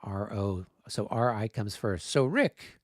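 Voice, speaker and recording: A man's voice: on the low side, lively intonation, takes it slowly, no echo, clean studio sound. A man hosting a livestream of a tabletop wargame, chatting casually and laughing often. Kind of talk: casual chat.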